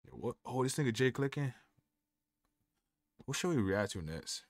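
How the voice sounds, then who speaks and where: A man's voice: medium pitch, big pitch swings, moderate pace, no room sound, studio quality. A young man hosting a music reaction video, exclaiming at the track and asking viewers questions directly. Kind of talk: casual reaction commentary.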